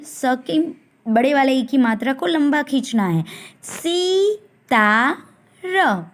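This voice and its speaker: Woman, primary school teacher, high voice, very slow careful delivery, stretched-out syllables. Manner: slow, deliberate, stretching syllables to model pronunciation. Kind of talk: recorded online class lesson.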